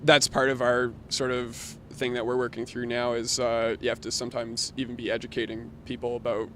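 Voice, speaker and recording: Male founder guest, mid-pitch, explanatory and a bit halting, outdoor city patio. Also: completely flat delivery, a bit bright, slight background noise. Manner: explanatory, hesitant with many ums. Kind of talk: interview answers.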